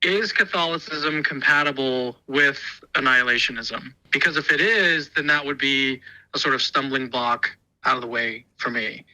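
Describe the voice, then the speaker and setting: A man's voice: medium pitch, normal speed, sharp tone, poor audio. A man calling in to a show and heard over a speakerphone, talking thoughtfully and hesitantly with many fillers. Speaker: guest calling in. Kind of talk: casual call-in conversation. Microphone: phone call played over speakerphone.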